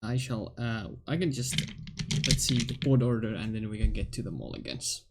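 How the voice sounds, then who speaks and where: A man's voice: lowish voice, moderate pace. A man hosting a casual card game stream, chatty and joking, laughing often. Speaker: stream host. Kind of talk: casual gaming chat.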